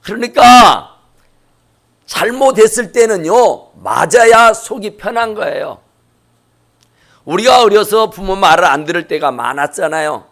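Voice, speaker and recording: A male pastor delivering a Sunday sermon, impassioned, rising to shouts and dropping low at the ends of phrases. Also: lively intonation, unhurried. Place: church sanctuary.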